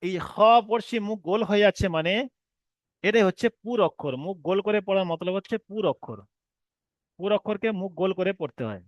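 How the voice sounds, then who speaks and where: A man teaching an online reading class, who explains patiently and drags out each letter name slowly. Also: high-pitched, expressive, no echo, lo-fi sound. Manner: explains patiently, repeats letter names slowly with long drawn sounds. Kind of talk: recorded online class lesson.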